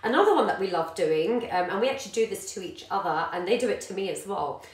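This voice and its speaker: This woman's medium-pitched voice is animated and quick as she, a yoga teacher and parent, chats with live viewers. Recorded in an echoey room, she sounds warm and encouraging, uses many ums, and greets people by name.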